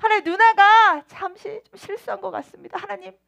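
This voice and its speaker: A woman's voice: extremely high pitch, steady tone, brisk, vocal fry, fairly bright tone, muffled recording, voice pushed up, heavily acted. A woman voicing Moses, a begging prophet. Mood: desperate. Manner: begging, repeating his pleas. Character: desperate pleading male prophet, humble leader. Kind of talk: storytelling a sermon for children.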